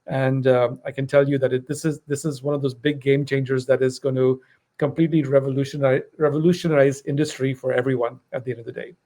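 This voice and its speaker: A podcast host wraps up an interview conversation, offering generous praise and saying "um" often. His voice is mid-range and dark-toned, with a flat delivery and a quick pace.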